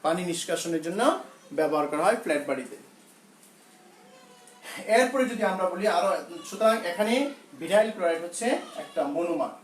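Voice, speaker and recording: A male school teacher with a Bangladeshi Bengali accent giving a science lesson, slowly repeating key terms for students and often pausing with fillers and self-corrections. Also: high voice, animated, echoey room, slight background noise, low-quality recording.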